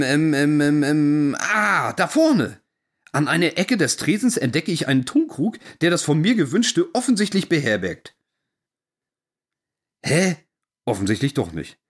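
A man reading a first-person story aloud in an animated, sarcastic way that swings into shouted outbursts. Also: a little high, breathy edge. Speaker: audiobook narrator.

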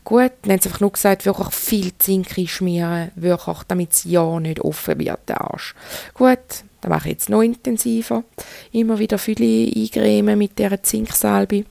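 Frank Swiss German woman, gravelly. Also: medium pitch, steady tone, normal speed, mellow, no echo. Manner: frank and chatty, addresses the listener directly. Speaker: podcast host. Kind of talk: candid solo podcast monologue.

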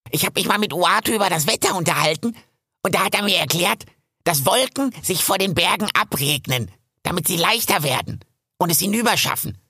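A man doing a chattering, gravelly squirrel. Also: high voice, pushed and bright, no room sound, clean studio sound, pitched above the performer's own voice, full character voice. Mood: rambling. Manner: chopped, rambling stream of chatter. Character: chatty, cheerful squirrel rattling on.

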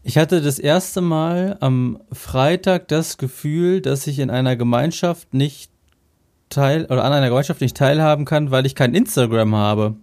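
A man's voice: mid-range voice, moderate pace, a little mellow. Easygoing German man telling stories. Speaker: podcast co-host. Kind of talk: casual chat.

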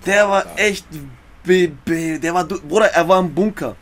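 A man's voice: sits high, moderate pace. A man with an urban German multiethnolect accent telling stories in slangy casual speech, acting out dialogue and repeating phrases. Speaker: guest telling prison stories. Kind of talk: animated casual storytelling.

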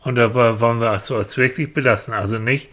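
A man's voice: medium pitch, fast talker, natural voice. A man playing a patient, firm friend. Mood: lecturing. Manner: calm, lecturing, sets limits.

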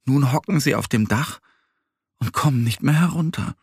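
A man narrating a children's story slowly and with lively intonation, recorded close to the mic. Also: mid-range voice, slightly rough, no echo. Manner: slow, animated storytelling.

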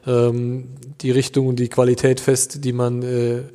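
Man in his thirties, flat hesitant talk. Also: mid-range voice, unhurried, in a large hall. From Germany. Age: 30s. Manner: relaxed, hesitant with many fillers. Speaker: winemaker. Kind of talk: casual interview answers.

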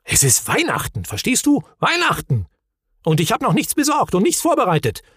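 Man putting on a fussy grumbling creature, husky, raised voice, storybook. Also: high voice, huge pitch swings, normal speed, a bit bright, dry recording, clean studio sound, pitched above the performer's own voice, heavily acted. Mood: frantic, irritated. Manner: irritable, grumbling. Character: grumpy fussy male troll-like creature.

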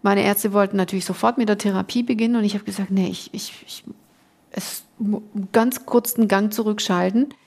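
A woman's voice: medium pitch, fairly even intonation, a little fast, darkish tone. A middle-aged woman, a podcast guest, earnestly telling a personal story in casual conversation, emotional and full of restarts.

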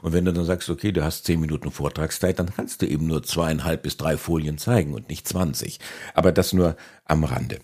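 A man's voice: very deep voice, steady tone, brisk, a little mellow, breathy edge. A man hosting a podcast interview, chatty and rambling, talking at length in a conversational way. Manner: chatty, rambling, self-aware about monologuing. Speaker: podcast host.

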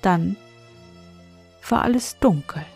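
Female storyteller, slow measured fairy-tale reading, faint music behind. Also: lowish voice, lively intonation, creaky, a little mellow, husky.

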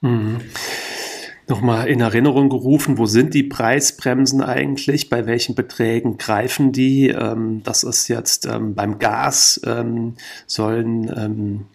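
A man with a mid-pitched, gravelly voice hosts a talk conversation. He recaps the background in a steady way and then turns it over with a question. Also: a little slow. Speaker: host asking questions. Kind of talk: conversational interview.

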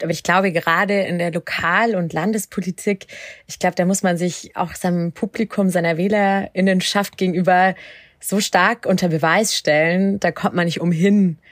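A woman's voice: lowish voice, no echo, clean studio sound. A woman co-hosting a podcast, chatting casually and giving short friendly replies. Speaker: podcast co-host.

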